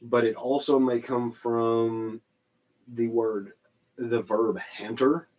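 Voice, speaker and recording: A man's voice: mid-range voice, level tone, slow, a little mellow, rough recording. A man from Oklahoma, co-hosting a livestream and explaining word origins as if reading from notes. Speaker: paranormal livestream co-host. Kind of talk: casual livestream chat.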